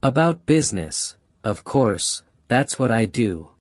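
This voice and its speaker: A male channel host with a Hong Kong Cantonese accent, Cantonese being his native tongue, gives viewers motivational language advice to camera, emphatic and repetitive on key phrases. He speaks slowly in a sing-song, mid-range voice. The audio is clean studio sound with no echo.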